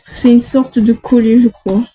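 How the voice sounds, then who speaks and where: Chatty high-voiced woman unboxing toys. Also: little pitch movement, measured pace, dark tone, a little hiss or hum, low-quality recording. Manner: chatty, self-talking, frequent restarts. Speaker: unboxing vlogger. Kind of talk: casual unboxing chat.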